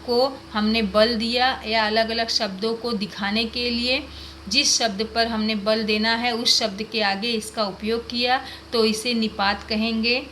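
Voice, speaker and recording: A woman's voice: on the high side, steady tone, measured pace, bright, forceful tone, slight background noise. A woman teacher giving a grammar lesson to children, explaining patiently and asking them questions.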